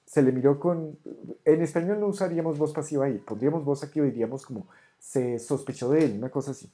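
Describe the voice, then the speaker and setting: A teacher giving an online ancient Greek grammar lesson, patiently correcting homework and sounding out Greek words slowly. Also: mid-range voice, mellow. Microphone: camera on a desk.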